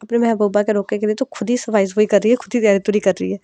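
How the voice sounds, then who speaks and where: A woman's voice: mid-range voice, fairly even intonation, fast, mellow, no room sound, close to an everyday voice. Woman doing a cheeky teasing girl. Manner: mocking, cheeky. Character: playful teasing young woman.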